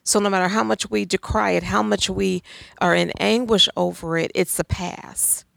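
A woman's voice: mid-range voice, steady tone, normal speed, gravelly, a bit bright, dry recording. A woman speaking as a guest in a conversational talk on faith, making emphatic, pointed arguments with rhetorical questions.

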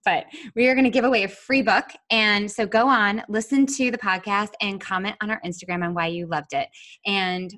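A woman's voice: mid-range voice, steady tone, a little fast, a bit bright. A woman hosting a podcast in an enthusiastic, conversational way, sometimes from a prepared script. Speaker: podcast host. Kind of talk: casual podcast chat with scripted intro.

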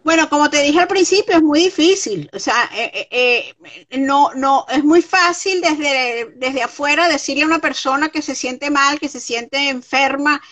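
A woman's voice: high voice, moderate pace, a bit bright. A middle-aged Venezuelan woman, a guest in an interview, speaking earnestly and repeating words for emphasis. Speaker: guest, comedian. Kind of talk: conversational interview.

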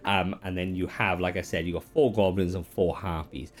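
Low-voiced man running a tabletop game. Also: steady tone, moderate pace. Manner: descriptive, hesitant with fillers. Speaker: game master.

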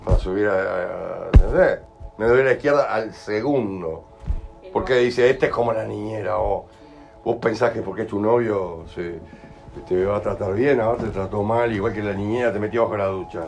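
A man with a Uruguayan Spanish accent leads an in-person healing workshop for a small group, speaking colloquially, acting out everyday examples and often asking "¿entendés?" His voice sits on the low side with vocal fry and a slightly mellow quality at a moderate pace. The recording is rough, with faint music behind him.

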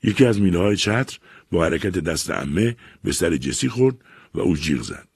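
A man narrates a literary story in a measured, expressive reading voice. His voice is deep and husky, with lively intonation, recorded close and dry. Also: no echo. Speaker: audiobook reader.

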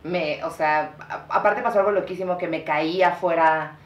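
A woman's voice: fairly low pitch, moderate pace. A Mexican woman co-hosting a podcast, chatting casually in slangy talk and swearing freely. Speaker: podcast co-host. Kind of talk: casual chat. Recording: echoey room, mic far off, faint noise.

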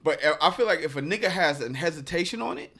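A man's voice: a little high, animated, quick pace, fairly bright tone, husky. A man co-hosting a podcast, talking bluntly in heavy slang in a casual chat. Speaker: podcast co-host.

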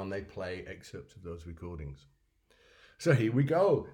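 A man's voice: medium pitch, mellow. A man hosting a solo music podcast, talking in a rambling, reflective way with many fillers and restarts. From North Yorkshire, England. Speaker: podcast host.

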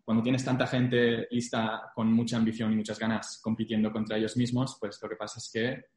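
Young male interview guest, fairly deep voice, casual Spanglish with English business jargon, reverberant room sound. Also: flat delivery, fairly quick, darkish tone. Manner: Spanglish, mixing English business terms into Spanish. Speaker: interview guest, former investment banking analyst. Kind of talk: casual interview, telling career experience. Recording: echoey room.

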